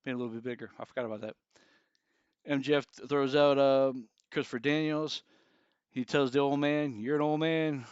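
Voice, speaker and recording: A man's voice: medium pitch, steady tone, a little fast, clean tone, no echo. A man co-hosting a podcast, casually narrating an imagined match. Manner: storytelling, acts out wrestler quotes. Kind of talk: casual chat. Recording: slightly dull lo-fi sound.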